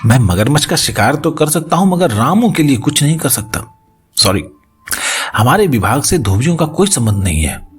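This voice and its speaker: A man's voice: medium pitch, wildly swooping pitch, normal speed, soft background music. A man voicing a courteous, slightly tipsy middle-aged male officer. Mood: eager. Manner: courteous, then eager and businesslike.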